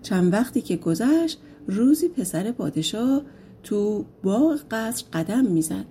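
A woman's voice: medium pitch, expressive, warm tone, a little hiss or hum. A woman narrating a folk tale audiobook in a casual, colloquial storytelling manner.

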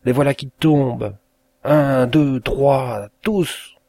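A man's voice: mid-range voice, slow, mellow, dry recording, pitched above the performer's own voice. A man voicing a grief-maddened widow who relives a fire, crying out in frantic anguish, in a storybook reading. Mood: despairing.

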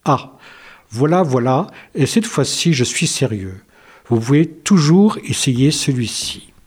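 A man's voice: mid-range voice, sing-song, slow pace, husky, exaggerated voice. A man doing a teasing storybook dentist. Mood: solemn. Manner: teasing, mock-solemn. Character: male village dentist, wry and teasing.

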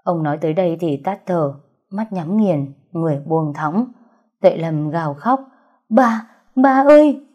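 A woman narrating a story in a steady, even reading voice. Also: low voice, moderate pace, breathy edge, dull audio. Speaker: audiobook narrator.

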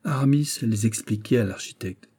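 Dark, husky audiobook narrator, a man. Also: medium pitch. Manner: measured, classic storytelling.

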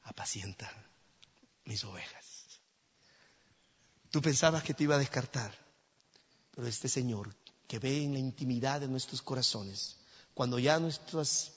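A man preaching a sermon in a church, telling a story dramatically and swinging between loud exclamations and hushed near-whispers. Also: mid-range voice, normal speed, breathy edge, muffled recording.

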